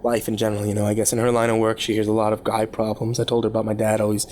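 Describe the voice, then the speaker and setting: A man playing a troubled rich young man confessing a cruel past in a halting, stammering way, as a dramatic horror story monologue. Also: lowish voice, completely flat delivery, a little mellow, natural voice. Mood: subdued, confiding. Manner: halting, confessional, stammering over repeated words. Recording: clear background noise.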